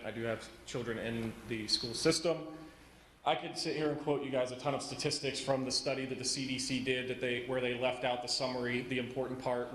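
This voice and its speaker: A man's voice: mid-range voice, fairly bright tone. An American man, a parent, making a reproachful public comment. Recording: echoey meeting room with faint noise.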